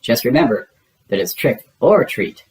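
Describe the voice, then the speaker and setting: A man reading a storybook, voicing a gruff, contrary, teasing grouch monster who lives in a trash can. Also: mid-range voice, sing-song, moderate pace, noisy background, close to an everyday voice. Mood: grumpy, smug.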